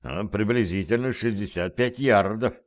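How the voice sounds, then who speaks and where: A man reading the part of a laconic soldier who keeps his answers short. His voice is lowish and plain, the delivery terse and unhurried. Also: natural voice. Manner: terse, brief replies. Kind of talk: audiobook dialogue reading.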